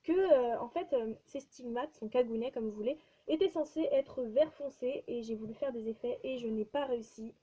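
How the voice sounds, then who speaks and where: High, mellow girl rambling about her drawings. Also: moderate pace, hardly any pauses, breathy edge. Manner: chatty, rambling, many fillers and restarts. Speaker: vlogger showing her drawings. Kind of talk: casual chat. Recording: dull lo-fi sound with faint noise.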